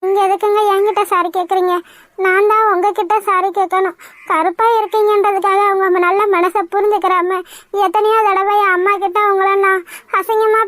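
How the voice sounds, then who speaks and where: A woman's voice: very high-pitched, a bit bright, no room sound, clean studio sound. A woman voicing a remorseful young village woman in a cartoon, speaking in sobbing, self-blaming pleas. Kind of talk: cartoon voice acting.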